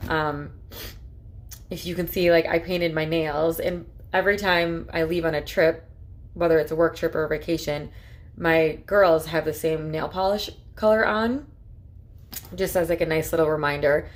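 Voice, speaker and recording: A woman's voice: low-pitched, fairly even intonation, moderate pace. Earnest rambling woman vlogger. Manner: rambling, earnest, lots of filler words. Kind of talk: casual heartfelt talk to camera.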